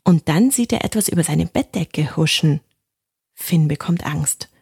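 Storyteller: woman, gentle bedtime reading, husky tone, dry close mic. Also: deep voice, animated, a little slow, no echo.

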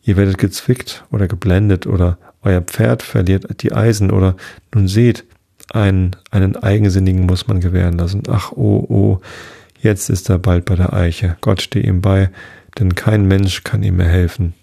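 A man voicing an excitable, superstitious farmer who cries out in alarm. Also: sits low, normal speed, vocal fry. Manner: anxious exclamations, raised voice. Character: excitable superstitious Irish farmer, fearful, boastful.

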